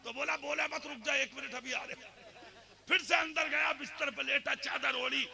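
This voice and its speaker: A man preaching an Islamic sermon at a religious gathering, telling stories quietly and then shouting the climaxes. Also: very high-pitched, fairly even intonation, normal speed, gravelly. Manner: swings from soft storytelling to shouted oratory.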